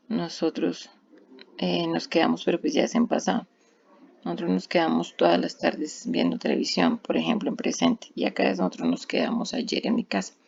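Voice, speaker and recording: Teacher, woman, low and very gravelly, patient step-by-step explainer, muffled lo-fi recording. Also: a little mellow. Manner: patient, step-by-step with rhetorical questions. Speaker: English teacher. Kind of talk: explaining grammar rules. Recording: dull lo-fi recording.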